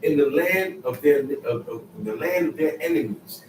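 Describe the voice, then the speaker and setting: A man's voice: a little high, expressive, moderate pace, darkish tone, slight background noise. A man giving a Sabbath scripture lesson, emphatic and repetitive, in casual street phrasing. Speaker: Bible teacher. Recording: echoey room, mic far off, faint ambience.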